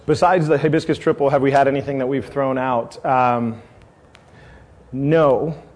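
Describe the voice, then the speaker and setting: A middle-aged brewery owner from San Diego, California, chats casually with a tasting crowd, rambling with lots of fillers and restarts. His voice is mid-range and darkish, with fairly even intonation and a slightly slow pace.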